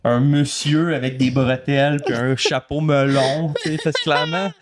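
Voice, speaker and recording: A man's voice: fairly high pitch, steady tone, normal speed, background noise. A man with a Quebec French accent, co-hosting a casual podcast chat and joking around in a playful way. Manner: playful, slips into goofy put-on voices. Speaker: podcast co-host.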